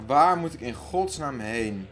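A man hosting a let's play who talks to himself and loudly panics while playing. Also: mid-range voice, expressive, measured pace, faint music behind. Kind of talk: casual gaming commentary.

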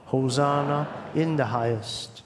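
A man's voice: on the high side, slight background noise. Man praying with cathedral echo. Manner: measured, reverent liturgical recitation. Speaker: pastor. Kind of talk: leading prayer and communion liturgy. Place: church sanctuary. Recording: long echoing hall reverb.

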